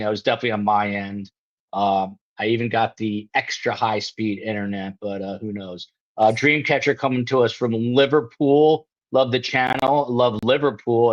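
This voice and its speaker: Deep-ish guy hosting a live stream, muffled video call sound, lots of um and you know. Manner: rambling, full of ums and you-knows. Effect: video call audio. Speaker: live show host. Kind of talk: casual panel chat on a live stream. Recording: dull lo-fi video call line.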